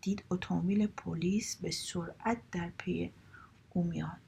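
A woman narrating short stories in a calm, steady, conversational reading voice. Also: on the low side, vocal fry, slightly rough. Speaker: story reader. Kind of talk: colloquial storytelling narration.

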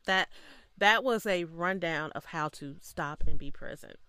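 A woman's voice: lowish voice, unhurried, sharp tone, clean tone, dry recording. A woman co-hosting a podcast in casual conversation. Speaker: podcast co-host. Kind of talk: casual chat.

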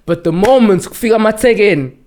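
A man's voice: high-pitched, quick pace, darkish tone. A young man hosting a casual podcast, bantering in London roadman-style slang and repeating words for emphasis. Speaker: podcast host.

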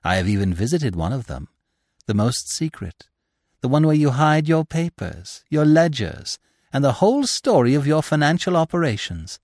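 A man's voice: fairly high pitch, very animated, moderate pace, darkish tone, no echo, clean studio sound, voice pushed up. A man reading aloud as a vengeful, scheming widow who gloats over her captive and stresses every syllable. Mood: cold menace.

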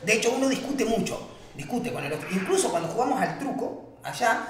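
A man's voice: high voice, very animated, a little fast, echoey room. A man from Argentina with an Argentine accent mixed with Venezuelan, rambling through stories with many restarts in a casual chat. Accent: Argentine with a Venezuelan mix.

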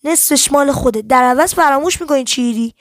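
A woman reading the lines of a sullen young girl who steals gum, speaking quietly and reluctantly. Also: high voice, no echo, studio quality, natural voice. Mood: evasive.

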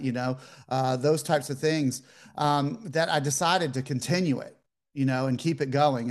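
A man in his fifties talks as a podcast guest, relaxed and rambling, with plenty of "you know"s. His voice is mid-pitched for a man. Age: 50s. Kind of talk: casual interview storytelling.

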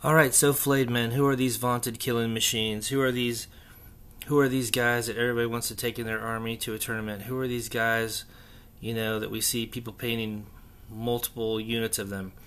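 A man hosting a casual, unscripted solo hobby chat, thinking aloud haltingly in an echoey, stripped-out bunker room. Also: mid-range voice, flat delivery, a bit bright. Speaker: podcast host. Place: echoey indoor room under renovation, torn-out walls.

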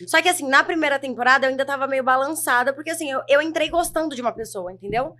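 A woman's voice: sits high, pushed and bright. A young woman chatting casually as a podcast guest, telling stories in a chatty, rambling way with lots of fillers. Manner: chatty, quick, storytelling with many fillers. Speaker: podcast guest, reality show contestant. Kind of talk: casual interview chat.

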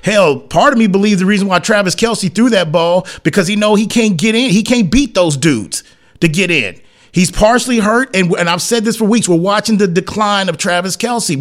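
A sports talk show host with a high-sitting voice delivers a blunt, emphatic, opinionated monologue. His speech is colloquial and slangy, and he repeats phrases to hammer his points home.

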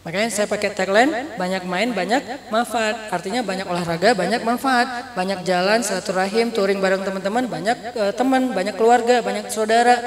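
A man giving a casual sermon to young people, telling stories lively in relaxed everyday slang, recorded in a mosque hall. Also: high voice, a little fast, hardly any pauses, crowd noise. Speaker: preacher. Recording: echoey hall with long reverb.

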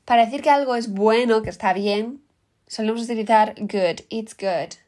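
An English teacher with a Peninsular Spanish accent gives an upbeat language lesson, explaining vocabulary and pronouncing the example words in English. Her voice is a little high and darkish, at a moderate pace.

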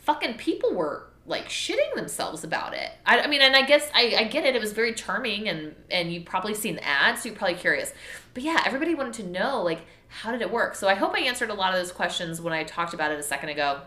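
A woman's voice: mid-range voice, very animated, fast talker, pushed and bright. A young adult woman from Texas chatting frankly and casually to viewers, swearing freely and rambling as she goes. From Texas, USA. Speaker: vlogger. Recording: echoey room.

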